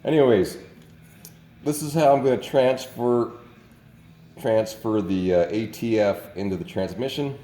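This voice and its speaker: In an auto repair shop, a mechanic with a slight cold and a congested voice walks through a repair step by step. He speaks at a medium pitch with a warm tone, explaining plainly and without rushing.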